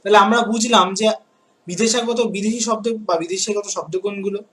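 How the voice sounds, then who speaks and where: High-voiced male teacher explaining patiently. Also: fairly even intonation, a bit bright. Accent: West Bengal Bengali. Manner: repeats key words, asks pupils "তাই তো?" to check understanding; lists examples slowly word by word. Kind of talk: grammar lesson for school pupils.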